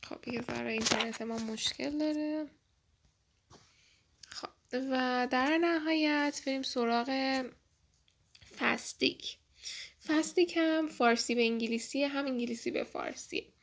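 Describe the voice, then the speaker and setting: A woman with a Persian accent talks over a screen recording as an English teacher, explaining step by step. Her voice sits a little high and has a gravelly, creaky edge. She hesitates often, filling pauses with soft filler sounds. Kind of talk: screen-recorded tutorial walkthrough.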